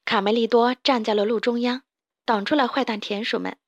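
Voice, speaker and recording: A woman storyteller reading a children's story aloud in a gentle, expressive way. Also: fairly high pitch, a little fast, no room sound, dull audio. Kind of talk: scripted storybook narration.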